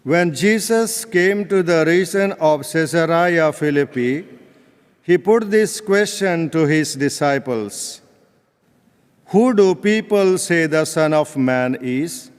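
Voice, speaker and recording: A man, a priest, reading the Gospel and preaching in a solemn, deliberate manner, his voice ringing with cathedral echo. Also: a little high, clean tone. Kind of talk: liturgical Gospel reading and homily. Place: large church, live Mass. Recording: cathedral echo, long church reverb.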